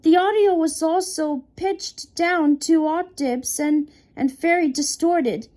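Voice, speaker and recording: A woman narrating a horror story in a halting way, with frequent restarts. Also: very high voice, darkish tone. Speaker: creepypasta narrator. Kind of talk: unscripted horror story reading.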